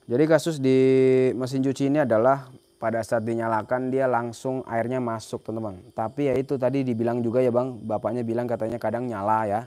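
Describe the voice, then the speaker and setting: A young man walks viewers through a repair in a casual way. He talks as he works, often repeating a phrase. His pitch sits at a middle level. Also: darkish tone. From Central Java, Indonesia. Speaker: repair technician. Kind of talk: hands-on repair tutorial.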